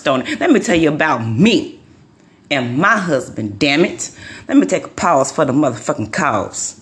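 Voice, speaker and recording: A woman's voice: on the low side, fairly bright tone. A woman in her forties, a tarot card reader, delivering a heated, profane rant to her viewers and repeating her points for emphasis. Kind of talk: heated ranting monologue.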